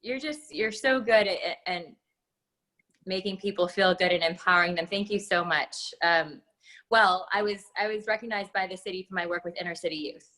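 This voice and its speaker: A woman guest on a video call, speaking earnestly and a bit haltingly. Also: on the low side, bright, forceful tone, poor audio. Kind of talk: casual interview talk.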